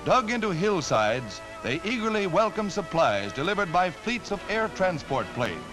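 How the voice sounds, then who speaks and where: A man's voice: high-pitched, big pitch swings, normal speed, over music, rough recording. An American man narrating a scripted 1940s wartime newsreel in a declamatory, dramatic old newsreel delivery on a vintage soundtrack.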